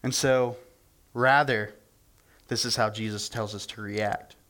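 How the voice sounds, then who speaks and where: A man's voice: fairly low pitch, steady tone, a little slow, a bit bright. A young man giving a casual, storytelling sermon, chatty and self-deprecating with lots of fillers. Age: young adult.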